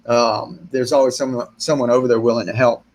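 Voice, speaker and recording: A middle-aged man, slightly raspy from long talking, hosts a gardening livestream Q&A from a small indoor room lined with shelves of plants. His medium-pitched voice is brisk, and he reads and answers viewer comments in a rambling, relaxed way, with many restarts and fillers while gesturing with his hands.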